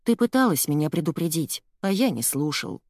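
A woman reading an audiobook, voicing an impatient young boy who speaks in a pleading, excited way. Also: deep voice, a little fast, no room sound, studio quality, full character voice. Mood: regretful. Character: lost boy stuck young, eager and impatient.

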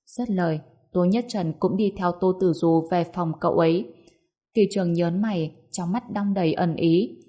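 Low-voiced woman storyteller. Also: moderate pace, warm tone. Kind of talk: scripted story narration.

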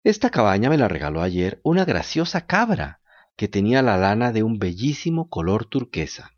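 A man voicing a wise talking cricket who gives calm, moralizing lessons in a storybook reading. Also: on the low side, moderate pace, no echo, highs cut off. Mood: lecturing.

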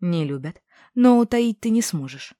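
A woman reading a novel aloud, voicing a fierce, bossy witch who talks in a sharp, commanding way. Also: on the low side, animated, moderate pace, no room sound, studio quality, close to an everyday voice. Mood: insistent.

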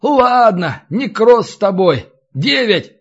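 A man's voice: high-pitched, big pitch swings, slow, a bit bright, breathy edge, lo-fi sound, voice pushed up, exaggerated voice. Male reader voicing a swaggering young scavenger, taunting, raised voice. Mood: cocky. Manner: swaggering, teasing.

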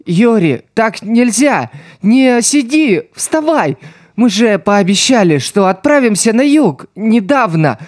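A man acting desperate loyal teenage boy, pleading shouts, raised pitch, slow, dry audiobook read. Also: big pitch swings, dry recording. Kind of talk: audiobook reading.

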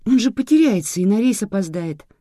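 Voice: medium pitch, animated, fairly quick, dark tone, no echo, clean studio sound, pitched above the performer's own voice, close to an everyday voice. Reader voicing a polite young female airport clerk.

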